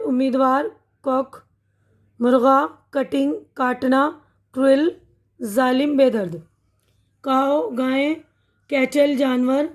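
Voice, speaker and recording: A woman with a high voice and a Pakistani Urdu accent gives a pronunciation lesson. She speaks slowly, reading word lists one item at a time. Each word is followed by its meaning in a patient teaching manner. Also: darkish tone. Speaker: English teacher. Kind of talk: slow classroom-style lesson explaining pronunciation.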